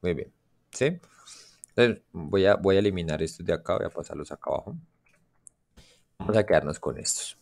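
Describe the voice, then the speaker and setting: A man's voice: low-pitched, animated, fairly quick, vocal fry, pauses often, darkish tone. A man teaching a class, explaining grammar and constantly asking his students questions to check they follow. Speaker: English teacher. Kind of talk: classroom lesson.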